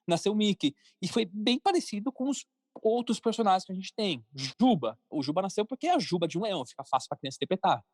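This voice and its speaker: A man with a Brazilian accent, a cartoon creator and entrepreneur, answers interview questions as a podcast guest in a casual, explanatory way. His voice is high and somewhat dark, with lively intonation and fast speech. The recording is dry and studio quality.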